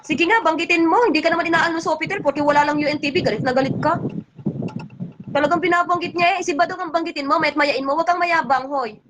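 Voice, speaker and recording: A woman with a high, bright voice hosts a casual livestream chat. She rattles along at speed and turns indignant and scolding as she goes. Faint noise hums under her voice. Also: fairly even intonation. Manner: indignant, scolding, talks fast. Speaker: livestream host.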